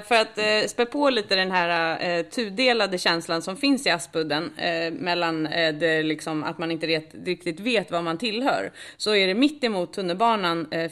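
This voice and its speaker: A woman's voice: lowish voice, a bit bright. A woman from co-hosting a casual podcast, rambling through a prepared segment with many fillers. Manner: rambling, many fillers and restarts, laughs easily. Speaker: podcast co-host.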